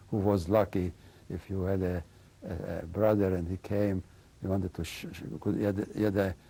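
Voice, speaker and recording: Older man, gravelly and halting. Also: low voice, dark tone. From Slovakia and Hungary. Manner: halting, searching for words, frequent "you know". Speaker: interviewee recounting memories. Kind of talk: oral history testimony.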